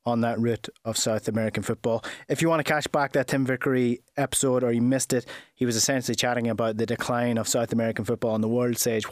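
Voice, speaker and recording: A man hosts a podcast in a chatty, conversational way, often stacking several questions together. His voice sits in a mid range. The sound is dry, with no room echo. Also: medium pitch. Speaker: podcast host. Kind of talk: interview podcast hosting.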